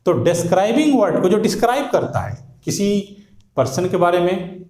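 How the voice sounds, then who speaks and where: A man's voice: high voice, big pitch swings, normal speed, a little mellow, reverberant. A man teaching English grammar, repeating words, drilling pronunciation and quizzing his listeners. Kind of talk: classroom grammar lecture.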